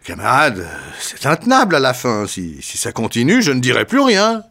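A man voicing a pompous male lecturer who keeps getting slapped, his voice rising to indignant high shouts. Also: wildly swooping pitch, normal speed, full character voice.

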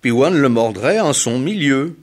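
A man's voice: mid-range voice, expressive, a little slow, pitched above the performer's own voice. A man doing a worried, earnest heron. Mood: urgent. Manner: earnest, cautioning. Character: worried, sensible male heron.

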